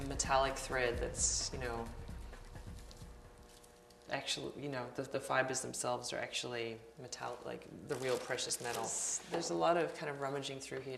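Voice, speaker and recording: A woman in her thirties, an artist, talking casually and reflectively in her studio, pausing and restarting often with small laughs. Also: rumbling low, creaky, recorded from a distance. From Australia. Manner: hesitant, reflective, many restarts and soft laughs. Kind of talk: casual interview talk. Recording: roomy, mic set back, music behind.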